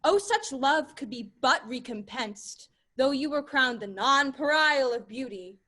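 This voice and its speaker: A woman's voice: high-pitched, animated, measured pace, sharp tone, full character voice. A woman acting a young woman disguised as a page, speaking Shakespearean verse with earnest passion. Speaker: actor.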